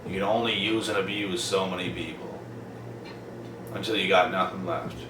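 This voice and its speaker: Young man, blunt profane vlog rant, low voice, echoey room, noisy background. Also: fairly even intonation, normal speed, distant mic. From Prince Edward Island, Canada. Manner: blunt, profane, emphatic repetition. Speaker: vlogger. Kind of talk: casual monologue to camera. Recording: roomy, off-mic, noisy background.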